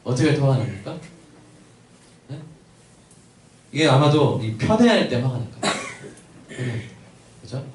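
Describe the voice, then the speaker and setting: A man's voice: medium pitch, very animated, unhurried, pauses often. A man preaching a Sunday sermon as a pastor, keeping up a stream of questions to the congregation. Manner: asks the congregation many questions. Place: church sanctuary. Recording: echoey church from a distance.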